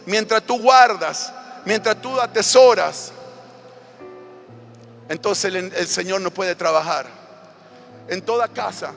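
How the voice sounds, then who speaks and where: A man preaching a live sermon as pastor, fervent and shifting between intimate and loud, recorded in a church hall. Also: high voice. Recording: reverberant church hall with faint music.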